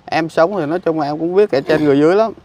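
A man's voice: a little high, racing, darkish tone. A man, speaking outdoors at a rural cemetery and recounting events in an emphatic, indignant way. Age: 40s. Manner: emphatic and indignant, repeats himself. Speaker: interviewee, relative of the deceased. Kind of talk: casual conversational interview.

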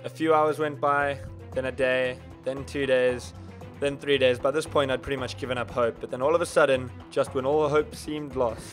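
A man's voice: mid-range voice, steady tone, normal speed. A young man in a casual vlog, playfully pranking a scammer with mock-earnest chatter. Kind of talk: casual vlog narration and prank phone call. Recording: roomy echo, faint music behind.

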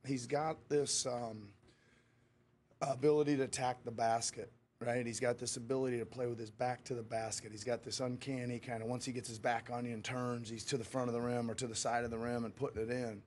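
A man's voice: mid-range voice, darkish tone. Middle-aged man, head coach at a press conference, rambling candid answers at a table mic. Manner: candid, rambling, with frequent restarts. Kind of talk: post-game press conference. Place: press room before a sponsor backdrop. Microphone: table mic in front of him.

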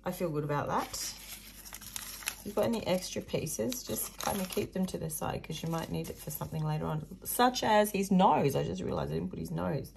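Speaking slowly and low with a gravelly croak, this craft video host walks through her tutorial in a mellow tone, yet her intonation stays lively. Chatty and prone to muttering asides, she's recorded by an overhead camera showing just her hands at a table, while a faint hiss sits behind her.

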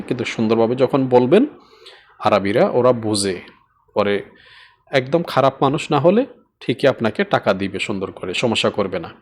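A man from Bangladesh teaching a spoken language lesson, repeating each phrase slowly and often asking his listeners if they follow. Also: medium pitch, darkish tone. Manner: slow repetition of phrases, checking in often.

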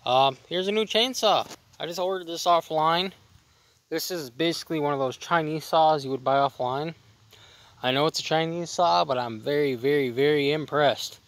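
A young man with a fairly high voice hosts a casual vlog outdoors in a backyard, chatting easily at moderate pace and repeating words for emphasis. He's recorded on a camera mic set on a nearby tripod.

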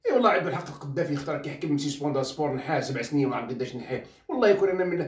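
This is a heated commentary from a male journalist from Khenchela, whose Algerian Arabic accent gives way to French phrases now and then. He talks rapid-fire in an expressive voice on the high side, recorded from afar in an echoey room.

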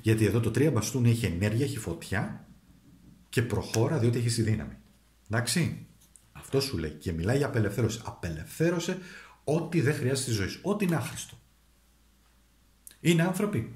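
A man reads tarot cards for his viewers in a relaxed, chatty way, with a lively pitch that swoops up and down. He keeps turning to the audience with coaxing asides. His voice rings in an echoey room. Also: long pauses. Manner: animated, addresses viewers directly with coaxing asides. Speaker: tarot reader. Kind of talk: casual tarot card reading to viewers.

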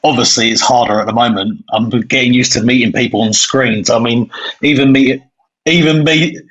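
A man hosting an interview podcast, fast-talking and enthusiastic, often repeating words as he goes. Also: mid-range voice, steady tone, fairly bright tone, slightly rough. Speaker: podcast host. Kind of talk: interview conversation. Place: remote call. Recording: muffled lo-fi sound.

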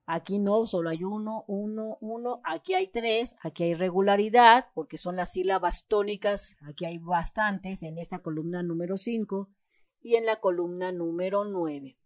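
Explaining a schoolbook exercise step by step, a woman with a Mexican Spanish accent patiently stresses syllables while reading example words aloud. Her medium-pitched voice is creaky with lively intonation, her pace is moderate, and there is no echo.

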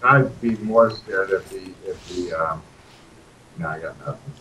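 A man gaming with friends, teasing them with halting, stop-start remarks. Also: sits low, bright, forceful tone, poor audio. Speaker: gamer playing with friends. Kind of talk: casual gameplay banter.

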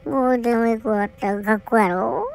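A woman's voice: on the high side, fast talker, vocal fry, darkish tone, a little hiss or hum, rough recording. A woman voicing a bored, whiny young male polar bear cub who rambles and grumbles to himself with a Kansai accent. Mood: bored grumbling. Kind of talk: comic character monologue.

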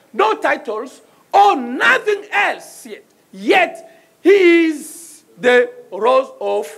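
Speaking into a handheld microphone at the pulpit, a middle-aged man with a French accent preaches as a guest on a church's small stage. He asks the congregation "Amen?" in a call-and-response style. His voice is very high and fairly bright, with vocal fry.

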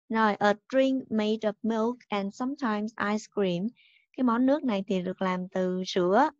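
A woman teacher runs a recorded English lesson for small children and drills each new word with clear, firm stress. Her voice sits in a middle range. The recording is close and dry but dull and muffled. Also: medium pitch, no room sound. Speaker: primary school English teacher.

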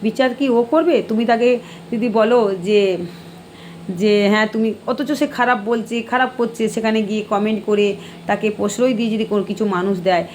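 Middle-aged woman, live-stream host, admonishing and sermonizing, slightly high pitch, faint noise behind. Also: fairly quick, darkish tone. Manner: preachy, admonishing. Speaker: live-stream host answering viewer comments. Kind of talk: casual live-stream chat.

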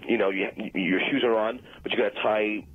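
A man's voice: on the low side, fairly even intonation, a little fast, a little hiss or hum. A man on the phone rambling insistently through a long explanation, getting flustered when he is not being listened to. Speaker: phone-in guest. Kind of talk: comedic phone conversation. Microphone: telephone. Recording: tinny phone line with faint music.

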